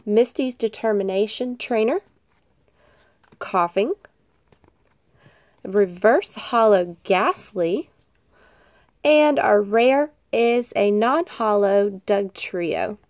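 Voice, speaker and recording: A woman's voice: medium pitch, lively intonation, drawn-out words, long pauses, a little mellow, no echo. A woman with a nasal voice, getting over a cold, casually chatting as she opens trading card packs and reads off each card. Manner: reads off cards one by one, light laughs. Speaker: card-opening channel host. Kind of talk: casual chat.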